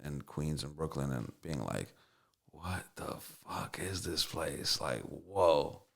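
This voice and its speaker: His voice is extremely low and animated, with vocal fry, and he takes things slowly. A Russian-born, middle-aged songwriter and producer whose first language is Russian, he rambles through stories as an interview guest, full of fillers and restarts.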